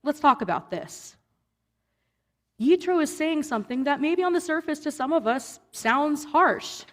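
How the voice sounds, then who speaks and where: A woman's voice: high-pitched, lively intonation, a little slow, a bit bright. A woman cantor giving a personal, earnest sermon, breaking off and restarting words and lifting her voice for quoted questions.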